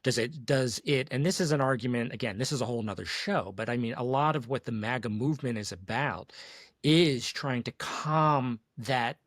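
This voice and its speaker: A man's voice: medium pitch, moderate pace, fairly bright tone, no room sound. Emphatic male discussion host, dry sound. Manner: emphatic, searching, checks in with tag questions. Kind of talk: casual opinionated discussion.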